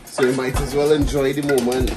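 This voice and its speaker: A man's voice: medium pitch, flat delivery, brisk, low-quality recording. A middle-aged man with a Trinidadian accent, joking and bossing around in casual banter while cooking at home. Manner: teasing, playful, bossy. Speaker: co-host of a home cooking channel. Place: home kitchen. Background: loud music and frying.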